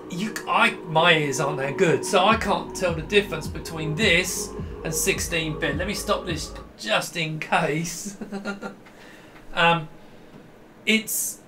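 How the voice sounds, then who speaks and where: A middle-aged man's high, pushed, bright voice carries a casual, enthusiastic hands-on demo of a vintage computer to camera. He rambles and often leaves sentences unfinished, working in a small home room stocked with computer gear.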